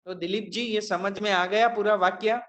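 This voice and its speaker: A male professor teaching a Sanskrit verse, quizzing his students and slowly repeating each word. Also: high-pitched, fairly even intonation, a bit bright. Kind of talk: classroom lecture on Sanskrit verse.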